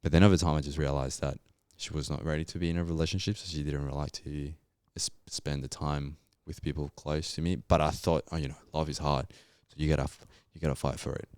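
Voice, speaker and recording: This young Colombian man, a podcast guest with a Colombian Spanish accent, tells his story in a casual, reflective interview chat packed with fillers. His voice is extremely low, steady and darkish, and he talks fast with few pauses. The recording is clean studio sound with no room tone.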